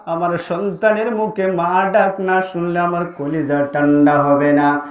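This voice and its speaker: A man's voice: sits high, level tone, voice pushed down. A man voicing a grieving mother wailing at her child's grave. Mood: mournful lament. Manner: slow sung lament. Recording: roomy echo.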